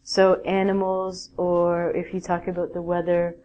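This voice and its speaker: A woman's voice: lowish voice, monotone, a little slow, mellow. A woman teaching a basic English grammar lesson, patiently explaining rules and reading out example sentences.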